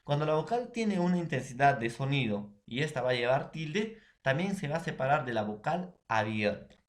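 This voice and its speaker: A man's voice: mid-range voice, animated, moderate pace. A man from Peru teaching a class, explaining step by step and often checking in with his listeners.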